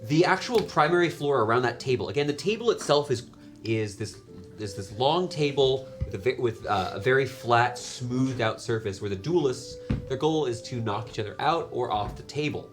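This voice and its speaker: A man's voice: mid-range voice, lively intonation, moderate pace. A man serving as game master, his voice rising and falling a lot as he lays out each scene. He often circles back and restarts his phrases, and faint music plays behind him. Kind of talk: narrating a tabletop game.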